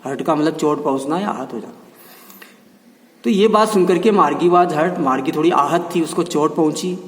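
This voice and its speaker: A male teacher gives a textbook lesson, his voice set a little higher than most men's. He reads each English line slowly before explaining it in Hindi and keeps checking in with the class. He sounds far from the mic in a room with a long, echoey reverb. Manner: repeats meanings with frequent check-ins.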